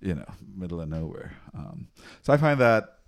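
A man's voice: low-pitched, very animated, normal speed. A man in his forties from Trinidad, a physician and researcher talking casually as an interview guest, with frequent laughs and many ums and restarts. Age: 40s.

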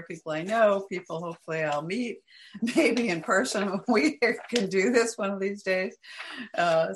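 A middle-aged woman speaks as an interview guest in a slightly low voice. She is chatty and easygoing, often laughing lightly and restarting her sentences. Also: slight background noise. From United States. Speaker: guest academic. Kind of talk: interview conversation.

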